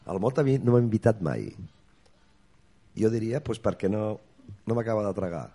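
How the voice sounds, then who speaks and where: A comic actor, telling earthy, swear-filled anecdotes in a casual interview and acting out quotes. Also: male voice, fairly low pitch, expressive, normal speed, dark tone.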